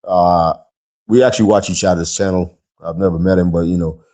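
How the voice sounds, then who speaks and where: A man from Guyana hosts a solo podcast in a loose, conversational ramble. His voice sits very low and sounds warm and relaxed. He fills his talk with "um", "you know" and "right?" as he checks in with his viewers. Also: brisk. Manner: rambling, conversational, frequent fillers and asides to viewers. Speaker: podcast host. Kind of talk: casual solo podcast monologue.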